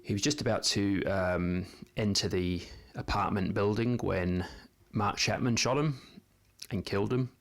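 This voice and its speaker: Kiwi guy in his 40s rambling on camera, lowish voice, lots of ums. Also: steady tone, measured pace. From New Zealand. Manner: hesitant, many ums and restarts. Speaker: vlogger. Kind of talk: casual spoken monologue.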